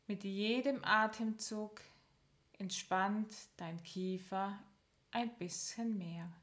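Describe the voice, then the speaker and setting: This is a woman leading a progressive muscle relaxation exercise. She talks at an extremely slow, unhurried pace in a mid-pitched voice. She gives her instructions calmly and step by step, and leaves long gaps as she counts down. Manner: calm, instructive, counts down slowly with pauses. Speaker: relaxation guide.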